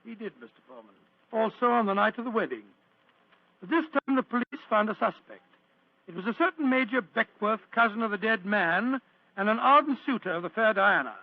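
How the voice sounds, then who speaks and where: An actor playing an elderly, courteous British Doctor Watson in a vintage radio drama, chuckling and hesitating as a storyteller. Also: male voice, high-pitched, animated, fairly quick, no echo. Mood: reminiscing. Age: older. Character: genial, doddering elderly Doctor Watson, storytelling old gentleman. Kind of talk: 1940s radio acting. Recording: dull, lo-fi old radio recording.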